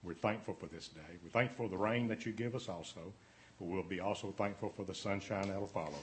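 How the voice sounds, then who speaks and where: Councilman guy praying, lowish voice, kinda halting, bit of hiss. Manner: earnest, halting prayer with restarts. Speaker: city councilman. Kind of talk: spoken prayer at a meeting.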